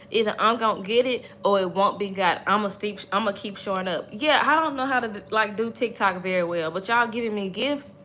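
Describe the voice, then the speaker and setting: Medium-pitched, bright and forceful, this thirty-something host's voice carries a faint hiss or hum. Her faith-driven motivational message to livestream viewers is emphatic and preachy, repeating points while she talks with the audience.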